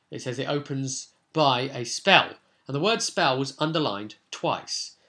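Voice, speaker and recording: Speaking slowly with lively intonation, a man whose mid-range voice sounds pushed and bright explains a tabletop session at length as its game master. The talk is informal and rambling, like a casual explanatory vlog.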